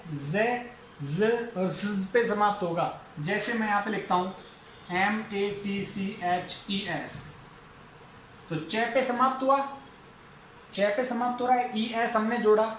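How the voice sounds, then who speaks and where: A man with an Indian accent teaching a phonetics lesson, going slowly and repeating each example word several times. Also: sits high, echoey room, a little hiss or hum, rough recording. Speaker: English teacher.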